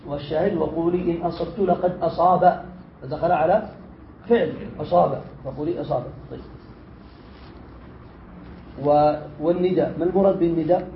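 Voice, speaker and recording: A man's voice: on the high side, steady tone, brisk, pauses often. A man teaching a grammar lesson, asking his students questions, repeating their answers and explaining the text. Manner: quizzes students, repeats their answers, then reads and explains with rising force. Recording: roomy, dull lo-fi lecture recording with faint hiss.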